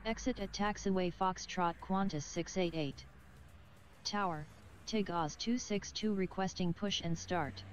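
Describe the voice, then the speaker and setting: A woman voicing an airline pilot over the radio, reading back clearances in clipped, formulaic phrases. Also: fairly low pitch, a little slow, muffled recording, background noise. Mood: calm.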